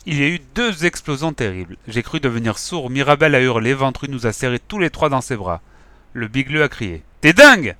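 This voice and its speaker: An audiobook narrator reads a children's novel with lively, expressive storytelling, his medium-pitched voice bright and forward at a fairly quick pace. The recording is close and dry, with no room sound around it.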